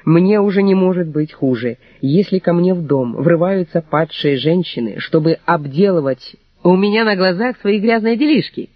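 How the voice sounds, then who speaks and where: Guy playing bossy scheming old mother-in-law, raised pitch, theatrical wailing, dry muffled sound. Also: normal speed, no echo, lightly acted. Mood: indignant. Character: shrill scheming elderly mother-in-law, woman.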